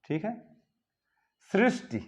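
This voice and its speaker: A man teaching Hindi grammar, explaining step by step and checking in with "okay" between points. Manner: slow, repeats "ठीक है" between points. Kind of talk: explaining at a board.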